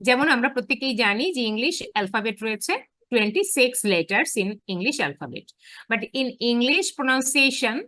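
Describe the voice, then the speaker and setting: Higher-pitched woman teaching, dry close sound. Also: sharp tone, no echo. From Bangladesh. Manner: switches between careful slow English and brisk Bengali explanation. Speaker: university English teacher. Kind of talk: bilingual lecture on phonetics.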